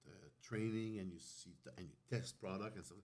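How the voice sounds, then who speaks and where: A man from the tire trade talking on a podcast with a lowish voice. He speaks earnestly, and his phrasing breaks and restarts a little as he makes his point. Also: fairly even intonation, a little fast, darkish tone. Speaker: tire industry guest. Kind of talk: casual podcast chat.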